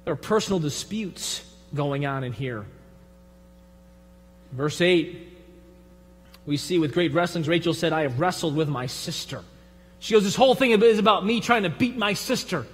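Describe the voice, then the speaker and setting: High-voiced Michigan pastor preaching in a hall. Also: male voice, breathy edge. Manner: folksy, emphatic preaching with quick drops to a hush. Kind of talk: sermon. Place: large church sanctuary. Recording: long hall reverb from the sanctuary.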